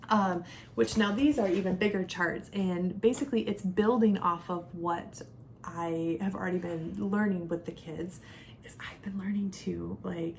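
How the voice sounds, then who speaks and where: A homeschooling mom in her thirties reviews a product in a relaxed, chatty way, walking through each step. There's background noise with a low rumble in the otherwise clear recording.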